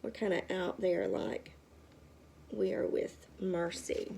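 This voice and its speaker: A woman's voice: fairly low pitch, very animated, slow pace, gravelly, mellow, slight background noise. A woman reading a storybook aloud to a child at home, with chatty asides and questions. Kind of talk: casual storytime read-aloud.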